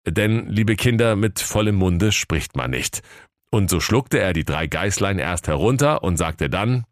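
A man narrating a comic fairy tale for children in a mock-solemn, lively storytelling manner. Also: low voice, unhurried, no echo, studio quality.

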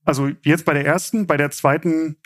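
Higher-pitched man hosting a casual quiz. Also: fairly even intonation, fairly quick, no room sound, studio quality. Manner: informal game show host, chuckling and explanatory. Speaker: quiz show host. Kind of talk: casual game show hosting.

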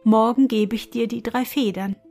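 High, eager countess from a storybook, done by a woman reader, faint music behind. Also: steady tone, moderate pace, warm tone. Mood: earnest. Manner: higher, eager, pleading. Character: clever, kind griffin's wife, countess.

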